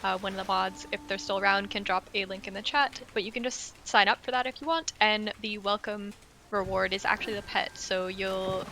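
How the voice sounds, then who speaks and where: A woman's voice: medium pitch, bright, forceful tone, slight background noise. A woman co-hosting a live game community stream, upbeat, explaining updates and answering chat questions.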